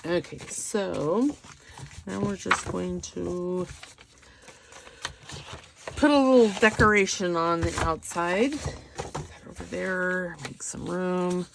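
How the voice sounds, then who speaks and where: A woman's voice: lowish voice, slow pace, vocal fry, long pauses, noisy background. A middle-aged woman hosting a casual craft tutorial, chatting and making self-deprecating asides as she works at her table. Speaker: craft channel host.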